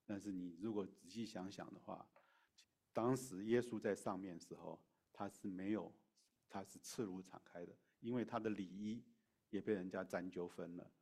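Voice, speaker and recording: Middle-aged male pastor, low-pitched, chatty sermon delivery, hesitant restarts. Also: fairly even intonation, normal speed, creaky, a little mellow, husky. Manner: conversational preaching with fillers and restarts.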